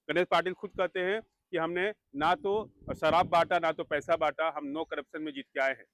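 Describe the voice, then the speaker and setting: A man reporting local news and questioning an interviewee, with brisk commentary. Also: fairly high pitch, a bit bright, dry recording. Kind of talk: news narration and field interview.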